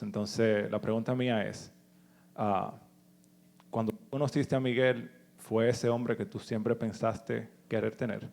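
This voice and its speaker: A man's voice: fairly low pitch, gravelly, a little mellow. A man from the audience asking a question, hesitant and polite.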